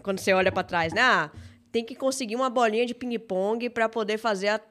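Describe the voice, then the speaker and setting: A woman's voice: fairly high pitch, brisk, fairly bright tone. A woman in her thirties with a Bahian Portuguese accent, speaking as a podcast guest. Her talk is casual and reflective, and she often ends sentences with a questioning aside. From Salvador, Bahia, Brazil. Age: 30s. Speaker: podcast guest, startup founder. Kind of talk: casual interview chat.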